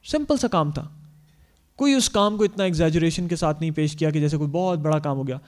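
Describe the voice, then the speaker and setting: A man with a notably high-pitched voice talks earnestly to parents about bringing up young children. He explains point by point and often slips English words into his sentences. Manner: acts out parents' quoted lines. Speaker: speaker on Islamic parenting. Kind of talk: advice talk to parents.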